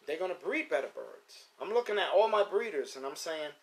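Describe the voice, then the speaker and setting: Brisk and expressive, with a voice a little on the high side, a man in his fifties live-streams about his pigeons from home near the loft. The audio is poor, and his street-casual talk is loose, emphatic and repetitive.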